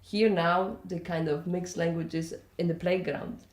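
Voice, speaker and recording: A Polish woman, a festival organiser, answers interview questions in a conversational, rambling way, checking in with "you know" and "yeah?", and she has a Polish accent. Her lowish voice is a little mellow and a little slow, with fairly even intonation, and the room is echoey.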